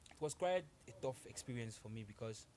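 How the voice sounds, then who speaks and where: A man's voice: mid-range voice, lively intonation, a little fast, darkish tone, a little hiss or hum. A young man from Cameroon, a guest talking casually in an interview, polite, laughing often and restarting his sentences.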